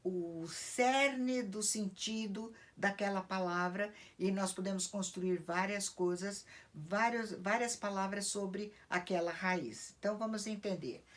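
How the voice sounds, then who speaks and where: Slow, patient woman teaching. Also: medium pitch. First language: Portuguese. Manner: slow, patient, explaining step by step. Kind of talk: slide lesson on the alphabet.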